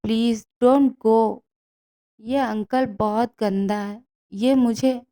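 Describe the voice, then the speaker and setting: A woman doing a scared weepy young guy, begging in a crying tone, pitched up, warm soft voice. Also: fairly even intonation, takes it slowly. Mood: tearful pleading. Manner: crying, pleading tone. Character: terrified tearful young man, childlike and pleading.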